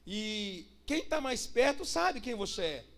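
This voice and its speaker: High-voiced pastor. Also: male voice, takes it slowly. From Brazil. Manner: animated preaching, asks the congregation rhetorical questions. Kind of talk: sermon.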